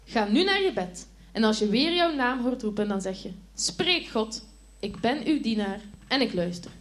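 A woman voicing the old priest Eli in a children's Bible story, speaking in a drowsy, calm and fatherly way. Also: a little high, normal speed, close to an everyday voice. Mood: sleepy, gentle. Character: sleepy old male priest Eli, gentle and kind.

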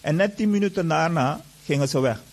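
A man tells his story of faith to an audience, earnest and full of reported back-and-forth. His voice sits a bit high, with a gravelly, husky edge. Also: animated, fairly quick, low-quality recording. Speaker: churchgoer giving a testimony. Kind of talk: personal testimony told to an audience.

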